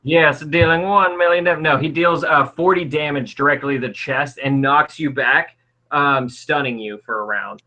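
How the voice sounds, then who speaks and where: A man's voice: medium pitch, normal speed, bright, forceful tone, dull audio. A man narrating a tabletop game as game master, casual and rambling with lots of filler words.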